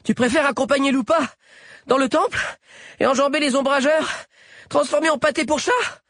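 Cheeky young rebel, high-pitched, mocking, quick, storybook, dry sound. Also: male voice, fairly bright tone, no room sound.

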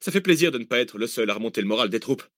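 A man reading an audiobook, voicing an excitable young man who swings between panic and cheer. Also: mid-range voice, racing, no room sound, clean studio sound, lightly acted. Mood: excited. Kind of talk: audiobook character voice.

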